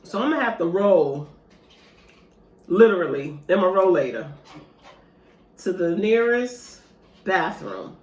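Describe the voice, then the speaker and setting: Slow and sing-song with long pauses, this woman's voice sits on the low side and sounds a little mellow. She's a vlogger eating dessert at home, chatting casually and animatedly with her viewers in mukbang style. The room is echoey.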